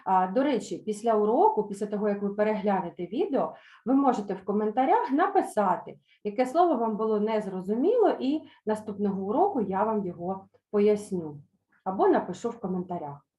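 A woman teacher reading a children's story aloud in an online lesson, then explaining words slowly and carefully with some hesitant fillers. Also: medium pitch, darkish tone, echoey room. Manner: slow, careful pronunciation of words for pupils to repeat.

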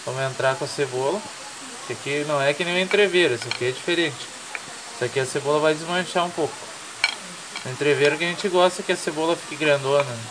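Cooking at home beside a sizzling pan, a southern Brazilian man presents a recipe in a colloquial, jokey, explanatory chat. He talks fast at a fairly high pitch, competing with loud frying and stirring noise.

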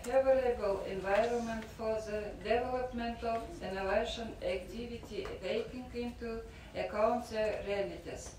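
A woman's voice: a little high, moderate pace, hardly any pauses. Woman reading a formal speech in an echoey room. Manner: steady, formal reading with small slips. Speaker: parliamentarian. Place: conference room at a long table. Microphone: table microphone, recorded from a camera across the room. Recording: echoey room from far off, with noise.

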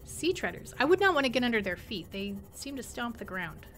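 A woman playing a video game and commenting excitedly, talking to the creatures she meets. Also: fairly high pitch, a little fast, slight background noise. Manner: excitable, exclaiming, talks to creatures. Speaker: gameplay streamer. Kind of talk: let's play commentary.

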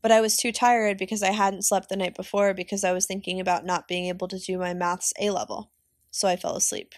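A woman's voice: mid-range voice, level tone, fairly quick, no echo. Woman reading a novel aloud, dry.

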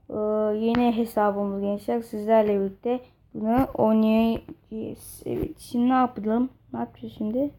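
A woman giving casual, excitable commentary while playing a mobile fighting game. She thinks aloud, sounds openly confused at times, swears casually and breaks into loud outbursts. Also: on the high side, heavy background noise. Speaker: mobile game let's-player.

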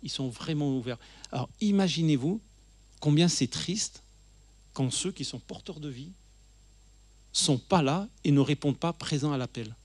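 This middle-aged guest speaker's voice runs on the high side with a darkish tone and lively intonation, at normal speed with long pauses. He sits at a table in a church hall using a handheld mic, giving an earnest, emphatic teaching talk full of repeated phrases. There's no room sound.

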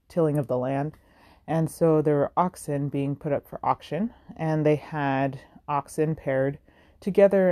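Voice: medium pitch, mellow, dry recording, studio quality. A support channel host giving a casual devotional talk, hesitant, with many ums and restarts, stressing single words.

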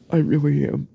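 A young man voicing an unstable, remorseful young husband in a whispered role-play, stammering and repeating himself in a husky, often whispered voice. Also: a little high, muffled recording, exaggerated voice. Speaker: ASMR role-play creator.

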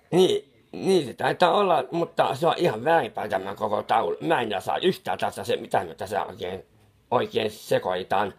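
A man's voice: mid-range voice, gravelly, breathy edge. A man doing a befuddled muttering clown painter. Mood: muddled. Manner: rambling, confused muttering with restarts; soothing, scolding someone who cries. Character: bumbling, befuddled male clown painter, fussy and kindly. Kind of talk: comic improvised monologue.

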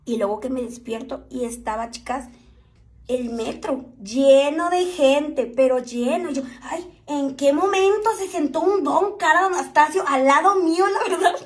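A high-voiced woman with a Mexican accent talks to her viewers in a casual, joking way while she does her makeup. She chats on and on and keeps addressing them as "chicas". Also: measured pace. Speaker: vlogger doing makeup on a live stream.

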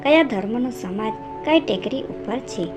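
A woman reading the lines of a calm, steadfast young man in a storybook narration, respectful and composed. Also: fairly high pitch, measured pace. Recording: narration over music.

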